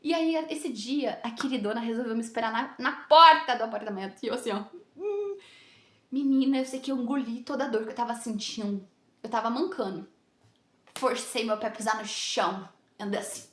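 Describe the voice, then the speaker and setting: A young woman telling a personal story to camera in a lively way, laughing often and acting out what people said. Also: a little high, a little fast. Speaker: vlogger. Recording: echoey room.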